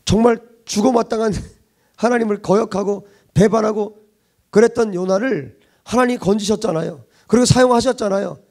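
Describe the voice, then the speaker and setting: Male pastor, sermon, high-pitched, gravelly, emphatic, rhetorical questions, loud-to-hushed swings. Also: fairly quick.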